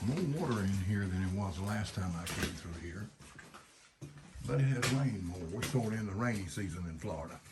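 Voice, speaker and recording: A man's voice: on the low side, lively intonation, moderate pace. A man narrating a casual walk through a cave in short, offhand observations. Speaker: vlogger. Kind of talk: casual vlog narration while walking. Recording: clear background noise.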